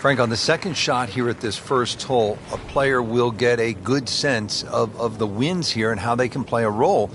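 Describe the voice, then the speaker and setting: A man's voice: medium pitch, moderate pace, hardly any pauses. A man hosting a golf broadcast as the play-by-play commentator, calling shots and putts. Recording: outdoor crowd and ambient noise behind. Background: crowd and outdoor ambience.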